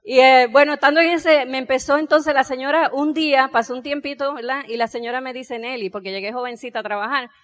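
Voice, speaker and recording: A middle-aged woman tells a personal story to an audience. Her voice sits a little high, and she is animated, playing out the exchanges as she goes. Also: quick pace, few pauses. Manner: animated, acts out dialogue, laughs while telling. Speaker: speaker telling her life story.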